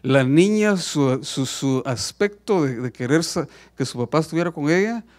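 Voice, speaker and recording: A man, a pastor, telling a story in a sermon, dramatic and swinging between loud and hushed. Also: on the high side, expressive, normal speed.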